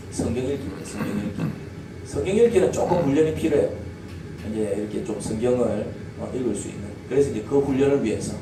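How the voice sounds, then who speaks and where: Korean pastor preaching in an echoey church. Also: male voice, mid-range voice. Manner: asks the congregation questions and draws call-and-response replies. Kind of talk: sermon. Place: church sanctuary. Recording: echoey church hall, distant mic, background noise.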